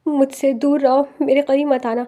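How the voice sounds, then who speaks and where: A woman voicing a terrified young wife who shouts in frantic fear, with a high voice. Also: level tone, close to an everyday voice. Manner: shouting, raised and strained.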